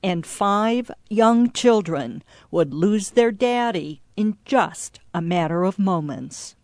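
A woman reading scripted crime show narration in a solemn, suspenseful, deliberate storytelling manner. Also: medium pitch, animated, a little mellow, dry recording.

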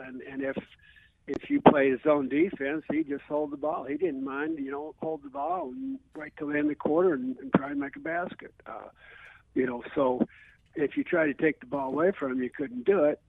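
This retired teacher phoning into a radio show is an older American whose very high-pitched, creaky voice has big pitch swings at normal speed. He reminisces casually and rambles, full of "you know," over a dry, tinny narrowband telephone line.

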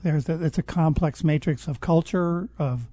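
A man speaking as a guest expert in a conversational interview, explaining at length in a measured way and often restarting his sentences. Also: on the high side, mellow, breathy edge, dry recording. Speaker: guest expert on public health.

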